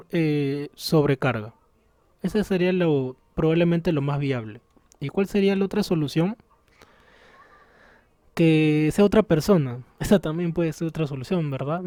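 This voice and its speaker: A man teaching a recorded online class, explaining patiently and thinking aloud as he works through software, from a room at home near the street. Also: fairly high pitch, dry recording.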